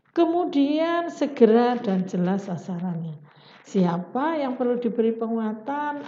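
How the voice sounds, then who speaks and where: A woman's voice: mid-range voice, warm tone. A woman giving a lecture on teaching skills, explaining step by step and acting out example teacher lines. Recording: dull roomy recording.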